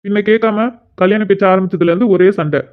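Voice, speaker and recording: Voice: medium pitch, phone-quality sound, close to an everyday voice. A performer voicing a caring older brother who teases and comforts his sister, in a cartoon. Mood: teasing. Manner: teasing, reassuring, quick. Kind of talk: cartoon voice acting.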